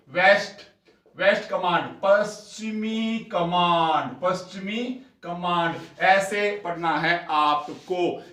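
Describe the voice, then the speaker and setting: Emphatic high-voiced male teacher. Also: a bit bright. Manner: repetitive and emphatic. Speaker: exam coaching teacher. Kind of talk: blackboard lecture. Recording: echoey room, mic at a distance.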